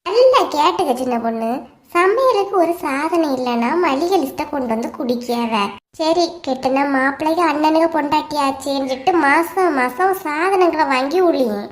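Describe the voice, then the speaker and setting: A resentful middle-aged sister-in-law from a cartoon story, complaining at length in a Kanyakumari Tamil accent, voiced by a woman. The voice sits very high, with a shrill, thin ring. She runs through one grievance after another. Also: animated, normal speed. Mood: aggrieved.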